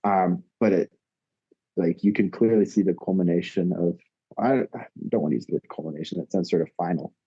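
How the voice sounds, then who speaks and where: A man chats as a podcast guest in a low, mellow, slightly husky voice. He talks in a laid-back, rambling way with dry humor, and the recording sounds dry and a little dull. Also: a little fast, dry recording. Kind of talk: casual chat.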